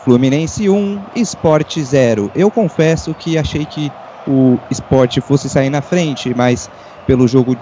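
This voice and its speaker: A Brazilian man offers live football analysis on the radio. His tone is dark and mellow, and the recording is dull with faint noise behind it. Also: mid-range voice, takes it slowly.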